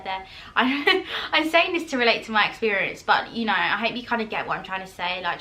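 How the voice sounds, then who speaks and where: A woman, chatting casually with viewers in a Q&A while eating, rambling quickly with many fillers. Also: mid-range voice, sharp tone. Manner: chatty and self-reassuring, laughs often. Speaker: vlogger.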